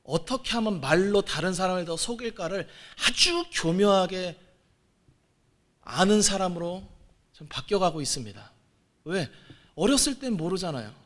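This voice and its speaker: A man in his forties preaching a sermon as pastor, moving between quiet asides and loud exclamations. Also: high voice, expressive, moderate pace. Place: church sanctuary.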